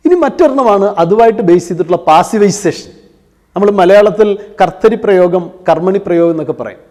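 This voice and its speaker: A man's voice: high-pitched, brisk, a little mellow, long reverb tail. A man teaching English grammar for exam coaching, explaining step by step and asking and answering his own questions, with English terms mixed into his talk. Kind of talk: classroom-style lesson.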